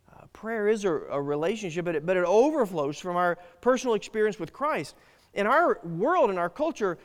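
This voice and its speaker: Long reverb fills the recording, like a spacious church sanctuary, as a male pastor preaches a sermon with earnest emphasis. His voice sits high and swings widely up and down, and he regularly halts and begins phrases again.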